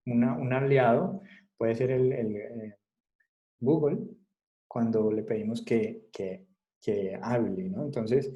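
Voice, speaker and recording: A man teaches a class online over a video call. His voice is dark and mellow, and he speaks slowly. He stops and restarts often and keeps checking in with short questions. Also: mid-range voice, lo-fi sound. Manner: halting, with many fillers and restarts. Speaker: psychology lecturer.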